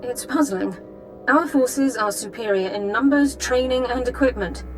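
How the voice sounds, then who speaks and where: This lightly acted performance has a high-leaning pitch and measured pace, as the actress plays a formal, strict army sergeant delivering exact, clipped reports in a game cutscene. Her accent is Imperial-sounding, and the poor-quality game audio has music underneath.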